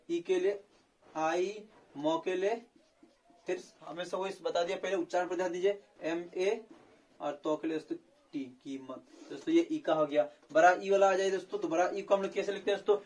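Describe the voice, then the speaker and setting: A man with a slightly high voice teaches a spelling lesson to viewers. He addresses them as friends again and again. He stretches each syllable slowly as he spells it out. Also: a little mellow.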